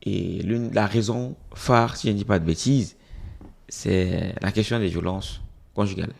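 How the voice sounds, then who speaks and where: A man hosting an interview in a casual, lively way, joking and often repeating the guest's words back. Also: on the low side, measured pace, vocal fry. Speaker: interview host.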